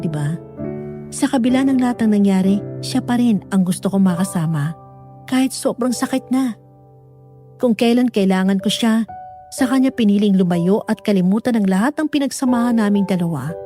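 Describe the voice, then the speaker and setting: A woman reading a listener's story aloud in a reflective, confiding tone. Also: medium pitch. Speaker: story reader. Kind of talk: scripted storytelling narration. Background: background music.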